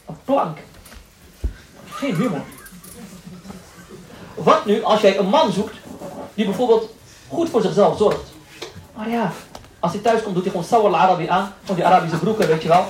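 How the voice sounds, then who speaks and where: Fast-talking man lecturing in an echoey hall. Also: sits high, darkish tone. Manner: quick-talking, joking, acts out people in stories. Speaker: Islamic lecturer. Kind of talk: lively classroom lecture with anecdotes. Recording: echoey room, voice from a distance, faint noise.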